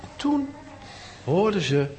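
Animated man telling a children's story. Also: high voice, slow, big-room sound, slight background noise. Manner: animated, asks listeners questions.

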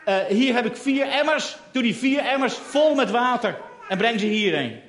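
A man's voice: very high-pitched, animated, normal speed, fairly bright tone. A man voicing a bold, confident prophet who teases his rivals in a casual, sarcastic way. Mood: mocking. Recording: roomy echo.

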